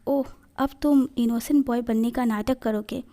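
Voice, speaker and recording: A woman's voice: fairly high pitch, steady tone, moderate pace, mellow, lightly acted. A woman voicing a cruel, possessive young man in a storybook reading, speaking harshly and giving orders. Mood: cold. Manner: harsh and commanding.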